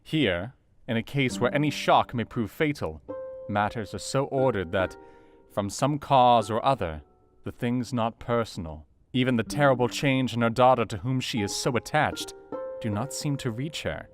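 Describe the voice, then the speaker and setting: An actor playing an earnest, educated Victorian doctor, narrating his diary in a measured, formal way for an audio drama. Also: mid-range voice, animated, close to an everyday voice. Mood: grave, reflective. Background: soft guitar music.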